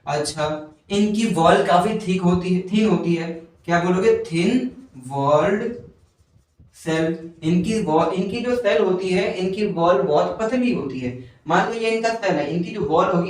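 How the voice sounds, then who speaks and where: Echoey teacher, dictating definitions slowly. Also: male voice, sits high, lively intonation, far from the mic. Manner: keeps checking in with students. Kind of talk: classroom lecture. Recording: very echoey room, voice from off-mic.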